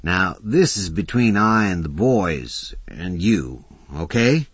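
A man's voice: sits low, animated, takes it slowly, slightly rough, no room sound, full character voice. A male reader voicing a scrappy, persuasive drifter who talks in a folksy, ungrammatical drawl. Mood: scheming. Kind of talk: audiobook character voice.

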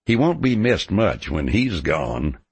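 Stubborn, romantic cowhand for western audiobook, male reader: gravelly, cocky, blunt, confident, lively pitch movement. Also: slow pace, dry recording, full character voice. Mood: resolute. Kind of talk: audiobook character dialogue.

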